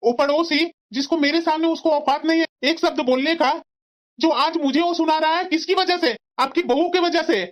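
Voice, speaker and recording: A woman's voice: sits high, normal speed, close to an everyday voice. A woman voicing an irritable young husband who snaps and complains at his family, in a cartoon story. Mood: angry. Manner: snapping, complaining. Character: irritable young husband, short-tempered son. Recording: dull lo-fi sound.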